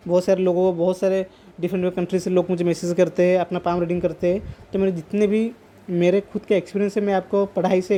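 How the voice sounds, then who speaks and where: Palm reader guy chatting to camera, mellow tone, repeats himself a lot, mixes in english words. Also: high voice. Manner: repeats and rephrases points while explaining; sprinkles English terms into speech. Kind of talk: casual explaining to camera.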